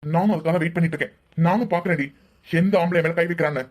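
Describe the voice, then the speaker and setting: A woman voicing a vicious, lecherous young village man in a cartoon, with a husky, taunting delivery. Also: on the low side, racing, a little mellow, voice pushed down, natural voice. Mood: menacing. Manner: menacing, taunting. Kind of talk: cartoon voice acting.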